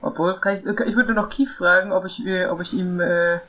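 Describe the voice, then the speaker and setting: A man's voice: high-pitched, steady tone, moderate pace, sharp tone. A man playing a tabletop game, speaking in an easygoing, joking way as he plays his character. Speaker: player.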